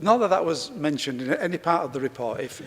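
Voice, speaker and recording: Male mayor chairing, firm and interrupting, slightly high pitch, echoey chamber. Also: lively intonation, a little fast, fairly bright tone. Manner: firm, interrupts to keep order. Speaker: mayor chairing a council meeting. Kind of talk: formal meeting chairing. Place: large council chamber. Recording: echoey chamber, faint noise.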